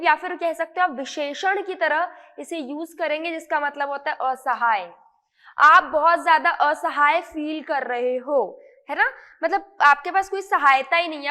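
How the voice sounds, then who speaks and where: A high-voiced woman tutor explains word meanings, switching between Hindi and English and asking her listeners questions she answers herself. Her voice is bright and forward, and it rings out into a room with a long reverb. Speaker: English vocabulary teacher. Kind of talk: explanatory lesson.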